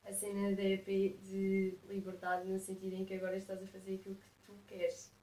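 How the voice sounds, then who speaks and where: A woman's voice: medium pitch, monotone, a little fast, warm tone, slight background noise. A young woman hosting a casual interview, asking questions in informal slang. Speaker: interviewer, host. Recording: roomy echo, distant from the mic.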